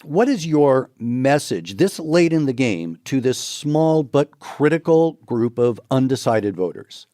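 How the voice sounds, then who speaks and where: Man, public radio host, measured questions, relaxed dark timbre, dry close sound. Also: medium pitch, no room sound.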